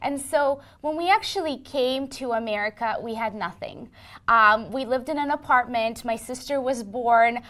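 A woman's voice: on the high side, moderate pace, fairly bright tone. A middle-aged woman from Ukraine in an interview, earnestly explaining her work through vivid analogies. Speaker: interviewee, software engineering manager. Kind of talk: conversational interview.

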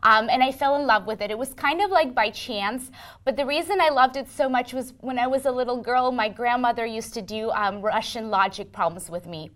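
A woman's voice: on the high side, brisk, a bit bright. A middle-aged woman from Ukraine in an interview, earnestly explaining her work through vivid analogies. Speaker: interviewee, software engineering manager. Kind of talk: conversational interview.

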